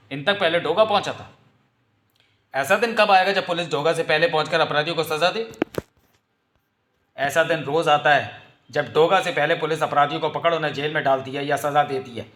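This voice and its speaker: A man's voice: on the high side, a bit bright, natural voice. A man voicing an arrogant middle-aged police inspector who talks in an irritated, blustering way. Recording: roomy echo.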